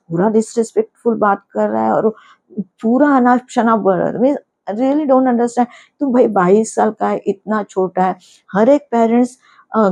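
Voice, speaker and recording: A woman's voice: medium pitch, gravelly, mellow. A woman casually recapping a reality show episode, indignant at times and retelling scenes through quoted lines.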